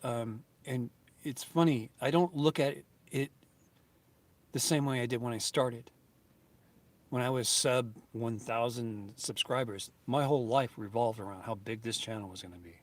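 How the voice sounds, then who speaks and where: A man's voice: medium pitch, moderate pace. Earnest rambling man in his fifties. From United States. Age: 50s. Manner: earnest, rambling, grateful, with many restarts and fillers. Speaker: YouTube channel host. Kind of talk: casual vlog talk to viewers.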